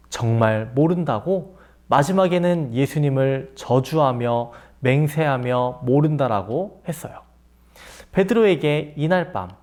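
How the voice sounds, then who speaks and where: A man, a junior pastor, gently telling a Bible story in a children's sermon for an online church service. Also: a little high.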